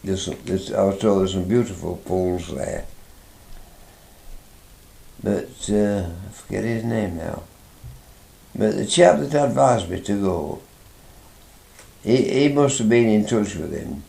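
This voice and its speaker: A man's voice: on the low side, lively intonation, slow, gravelly, pauses often, mellow, reverberant. An older man from England, telling a rambling, chatty fishing anecdote from his youth, with frequent restarts. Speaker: interviewee, father recalling his youth. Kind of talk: anecdotal storytelling.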